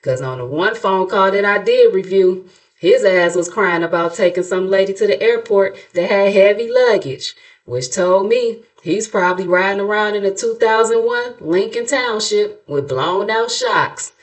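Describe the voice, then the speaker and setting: A middle-aged American woman hosts YouTube reaction commentary with a mid-range voice, lively intonation, and moderate pace. As narrator, she's sassy and gossipy, telling stories dramatically in a colloquial, playfully mocking way.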